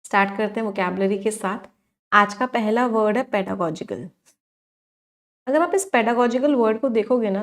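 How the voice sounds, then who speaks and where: A young woman teaching exam-prep vocabulary, mixing in terms, asking questions and answering them herself. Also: on the high side.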